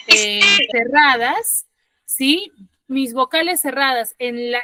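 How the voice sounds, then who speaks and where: A woman's voice: high voice, bright, forceful tone, no echo. A woman teaching an online class, patiently explaining step by step and often checking that students follow. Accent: Peruvian Spanish. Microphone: computer mic on video call.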